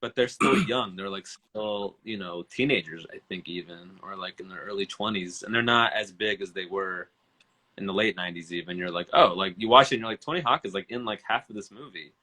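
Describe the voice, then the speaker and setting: Rambling man in his thirties, bright tone. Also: low voice, brisk. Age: 30s. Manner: rambling, enthusiastic, swears casually. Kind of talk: casual chat on a live stream.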